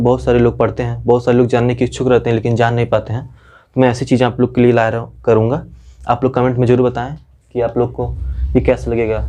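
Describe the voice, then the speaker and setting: A man's voice: mid-range voice, dark tone. A man teaching English pronunciation to students, explaining step by step and checking in with "theek" after nearly every point. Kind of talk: classroom lesson at a whiteboard.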